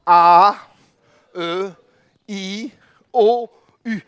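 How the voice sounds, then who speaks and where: Guy playing a stuffy know-it-all tutor, spelling out vowels real loud and proper. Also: high-pitched, drawn-out words, smooth, no echo, full character voice. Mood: pedantic. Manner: pedantic, declaiming, over-articulated vowels. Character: pompous male philosophy teacher.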